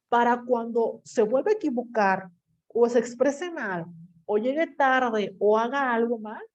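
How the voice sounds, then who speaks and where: A woman's voice: a little high, a little mellow. A woman teacher, lecturing an online class over a video call and quizzing her students with everyday examples.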